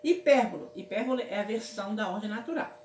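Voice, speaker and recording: A woman's voice: mid-range voice, animated, quick pace, a little mellow, a little hiss or hum. Brazilian woman teaching grammar, echoey room. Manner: affectionate, repeats "certo, meus amores?". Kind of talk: casual grammar lesson. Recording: echoey room with faint ambience.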